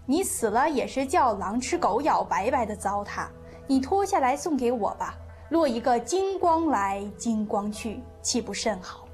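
A woman storyteller voicing a merry, teasing eccentric male monk who mocks people and sings slow folk ditties. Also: a little high, big pitch swings, soft background music. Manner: playful, mocking, sings a slow folk ditty.

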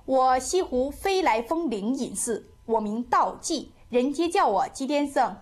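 A woman storyteller voicing a merry, teasing eccentric male monk who mocks people and sings slow folk ditties. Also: sits high, animated. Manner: playful, mocking, sings a slow folk ditty.

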